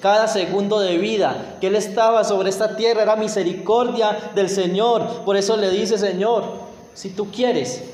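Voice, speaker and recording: A high-pitched man delivers an emphatic sermon. He drops into whiny mock prayers to make his point. The recording rings with the long reverb of a large hall. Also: fairly even intonation, moderate pace, darkish tone. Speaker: preacher.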